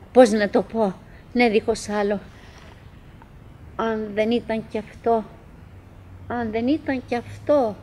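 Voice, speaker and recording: Winnie, high-voiced wistful chattering wife. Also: female voice. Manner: halting, repetitive, theatrical, mimicking remembered dialogue. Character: chattering buried wife, wistful, nagging, clinging to cheer. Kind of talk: theatrical absurdist radio play monologue.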